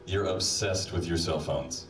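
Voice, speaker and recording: A man with a low voice, speaking a little slowly, delivers a humorous, admonishing monologue straight to the listener in a mock-stern manner. The playback sounds roomy and distant, with crowd noise.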